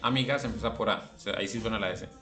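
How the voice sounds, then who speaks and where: A man's voice: fairly low pitch, racing, bright, forceful tone, echoey room, faint music behind. A man teaching a language class online, explaining rules step by step and calling on students by name.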